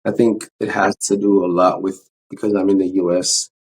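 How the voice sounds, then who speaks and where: Male podcast host, husky tone, casual and rambling with false starts. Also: low voice, level tone, normal speed, darkish tone, rough recording. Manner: chatty, hesitant, with restarts and apologies. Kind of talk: casual interview.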